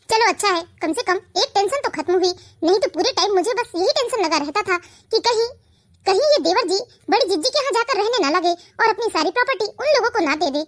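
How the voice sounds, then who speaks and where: A woman's voice: very high-pitched, a bit bright. A woman voicing a snappish, scheming young wife in a cartoon. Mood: gloating. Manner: snappish, sarcastic. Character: scheming young pregnant wife, sharp-tongued and irritable. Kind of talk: animated cartoon voice acting.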